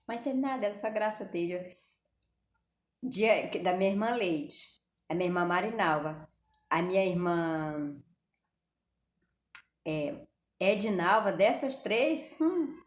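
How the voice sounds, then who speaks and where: A woman's voice: medium pitch, expressive, takes it slowly, pauses often. A middle-aged Brazilian woman chatting casually to her viewers at home, talking straight to them and often dropping religious phrases. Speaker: vlogger. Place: home kitchen. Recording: echoey room with faint ambience.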